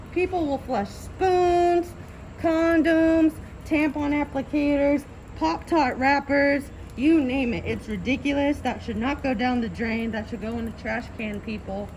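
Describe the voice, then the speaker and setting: A woman's voice: medium pitch, roomy sound, distant mic, background noise. A woman guiding viewers through a wastewater treatment plant, explaining each step plainly with everyday comparisons. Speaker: wastewater plant staff tour guide. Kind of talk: educational vlog walkthrough.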